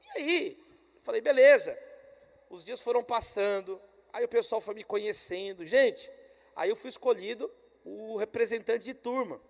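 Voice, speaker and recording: A Brazilian man preaching a conference sermon, telling a story with energy and swinging between loud calls and quiet asides. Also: sits high, lively intonation, moderate pace, creaky. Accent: Brazilian Portuguese. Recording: long hall reverb.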